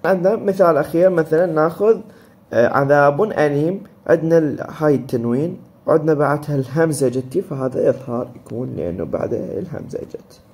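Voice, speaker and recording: A man's voice: fairly high pitch, expressive, quick pace, darkish tone. A man with an Iraqi Arabic accent teaching a recorded lesson on recitation rules, explaining step by step and answering his own questions.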